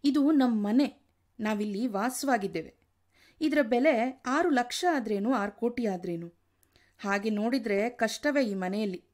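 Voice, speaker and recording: A woman reading aloud and voicing a nagging, sharp-tongued wife in her late sixties. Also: a little high, measured pace, natural voice. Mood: scolding. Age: over 60. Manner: scolding, nagging. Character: sharp-tongued wife of sixty-eight, scolding.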